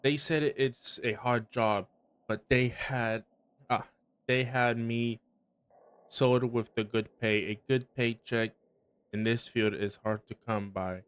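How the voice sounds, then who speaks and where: A man reading aloud the lines of a weary, dutiful male worker out in the woods, in a measured, plain way. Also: mid-range voice, fairly even intonation, a bit bright, clear, resonant tone, no echo. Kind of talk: reading game dialogue aloud.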